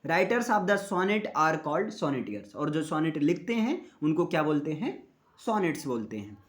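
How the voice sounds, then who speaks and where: A man teaching English literature. He reads definitions slowly and explains them with questions to the listener. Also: on the high side, very animated. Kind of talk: classroom-style lecture mixing Hindi and English.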